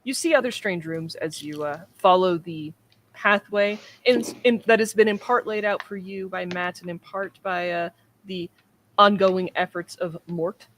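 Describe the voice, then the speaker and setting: A woman acting as game master, describing scenes in an unhurried way with frequent pauses and ums. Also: on the low side, a bit bright, a little hiss or hum. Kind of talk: narrating a tabletop game.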